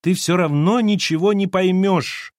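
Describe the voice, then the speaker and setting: A man's voice: big pitch swings, moderate pace, no room sound, studio quality. A man voicing a nervous young pregnant woman who keeps crying out in desperation in an audiobook. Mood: desperate. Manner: shrill, cries out in desperation.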